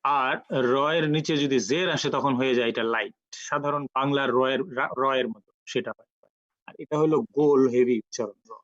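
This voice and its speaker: A man teaching Quran recitation rules in an online lecture, explaining patiently step by step and repeating sounds slowly for practice. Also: medium pitch, a bit bright, no echo, dull audio.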